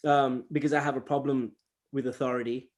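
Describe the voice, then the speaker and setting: This hip-hop artist, raised speaking Gujarati, talks fairly quickly at a medium pitch during an informal interview. His storytelling is animated, full of acted-out dialogue, filler words, and repeated restarts.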